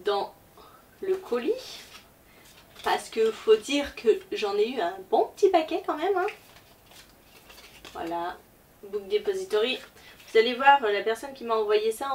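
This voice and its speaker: A woman presenting a casual book haul vlog, chatty and hesitant with lots of fillers. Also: fairly high pitch. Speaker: book vlogger. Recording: distant mic, faint background noise.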